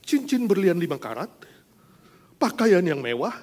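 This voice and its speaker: A man's voice: high-pitched, sing-song, unhurried, darkish tone, breathy edge, voice pushed up, full character voice. A man playing an earnest churchgoing wife. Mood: astonished delighted. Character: devout pleading wife, middle-aged woman.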